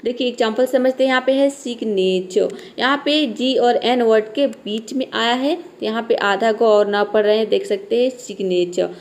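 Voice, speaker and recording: A young woman teaching English spelling and pronunciation, her voice pitched a little high with a gravelly edge. She explains patiently and repeats example words slowly for her viewers. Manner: patient, repeats words slowly, says "theek hai" often.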